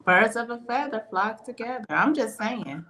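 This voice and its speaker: Blunt sarcastic woman co-host, bright voice. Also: on the high side, lively intonation, normal speed, slight background noise, rough recording. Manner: blunt, sarcastic, talks to listeners directly. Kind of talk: casual radio talk show chat.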